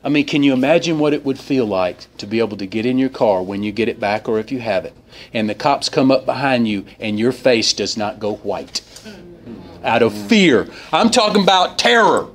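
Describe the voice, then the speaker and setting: Casual: guy giving his recovery testimony in a meeting hall, pitch jumps way up when he acts stuff out, bit of background noise. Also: moderate pace. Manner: animated storyteller, swings up in pitch for quoted voices. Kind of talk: personal testimony talk.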